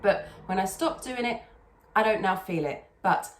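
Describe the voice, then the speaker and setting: A woman's voice: mid-range voice, expressive, normal speed, a little hiss or hum. A woman speaking as a singing teacher in a conversational tutorial, instructional and repeating words for emphasis. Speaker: singing teacher and video host. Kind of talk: conversational vocal technique tutorial. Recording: echoey, roomy sound.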